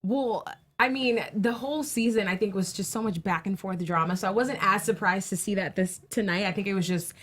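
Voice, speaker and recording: A woman's voice: medium pitch, brisk, few pauses. A young woman chimes in as a co-host on a casual panel. Her mid-range voice comes across friendly and agreeable.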